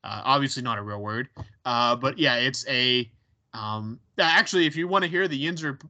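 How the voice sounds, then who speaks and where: A man's voice: medium pitch, moderate pace, bright, forceful tone. A man with a Pittsburgh accent co-hosting a podcast in casual chat, rambling with many ums and restarts. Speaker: podcast co-host. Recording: dull lo-fi sound.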